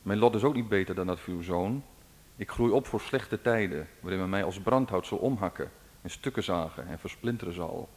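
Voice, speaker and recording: A man's voice: sits low, fairly quick, long reverb tail, close to an everyday voice. A man reading out the lines of a gloomy talking pine tree in a folk tale, sullen and self-pitying.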